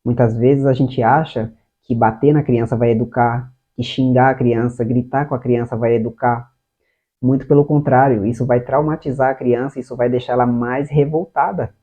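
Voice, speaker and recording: A man's voice: mid-range voice, flat delivery, moderate pace. A man with a Brazilian Portuguese accent giving an earnest explanatory talk on parenting, speaking straight to the viewer. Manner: earnest, addresses the viewer directly, acts out short quoted lines. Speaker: parenting educator. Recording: tinny phone-like sound.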